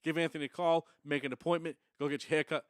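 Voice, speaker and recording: A man's voice: fairly high pitch, steady tone, fast talker, noisy background. A man with a Boston accent trading crude, blunt banter and ad-libbing plugs in a casual way.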